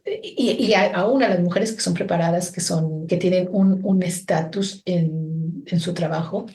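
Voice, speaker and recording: A middle-aged Mexican woman with a mellow, fairly low voice and a Mexican Spanish accent. She speaks as a reflective interview guest, often restarting and adding fillers while she finds her words. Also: a little slow. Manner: thoughtful, many restarts and fillers. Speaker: guest, organization founder.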